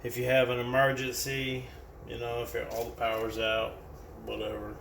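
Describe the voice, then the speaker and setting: An American product reviewer with a creaky, mid-range voice gives a casual hands-on demo, talking plainly and loosely improvising. His delivery is completely flat at a moderate pace. The mic is distant and roomy, with background noise.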